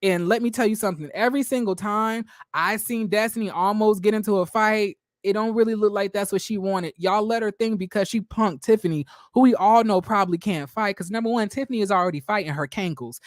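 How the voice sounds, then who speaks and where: A man's voice: high voice, a little fast, hardly any pauses, no echo, clean studio sound. A man hosting a livestream recap of a reality show, reading viewer comments and answering in a blunt, sassy, profane way with many rhetorical questions.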